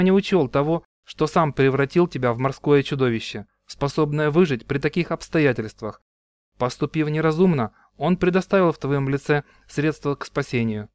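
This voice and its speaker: A man's voice: on the high side, darkish tone, clear, resonant tone, close to an everyday voice. A man voicing an earnest brother who tries to talk another into saving them, speaking while out of breath. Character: calm reasoning man, leader brother.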